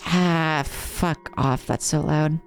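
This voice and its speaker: Over video game music, a live-streaming American woman from the Rocky Mountain region chats casually about the game she's playing, musing and easily amused. Her trained, put-on silly voice, with a slight speech impediment, is low, slow, and gravelly.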